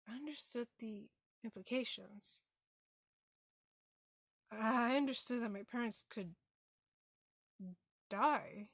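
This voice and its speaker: A young woman, a theatre student, performing a reflective monologue, halting and restarting as she talks. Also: mid-range voice, no echo, studio quality. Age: young adult.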